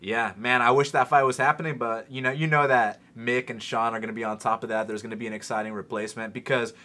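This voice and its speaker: Male podcast host, bright forceful tone, animated casual fight-betting chat. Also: mid-range voice. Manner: animated, fast-talking, swears casually. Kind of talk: casual sports betting talk.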